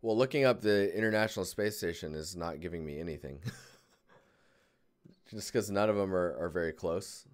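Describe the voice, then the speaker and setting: A man's voice: deep voice, moderate pace. A man giving casual, rambling live critiques of digital art, thinking aloud as he clicks through images. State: yawning, tired.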